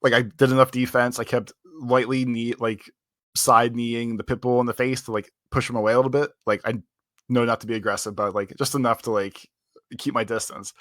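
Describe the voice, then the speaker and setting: A man's voice: medium pitch, level tone, fairly quick, fairly bright tone, no room sound, clean studio sound. A man co-hosting a podcast, telling a long story in casual chat, full of "like" fillers and rambling. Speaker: podcast co-host.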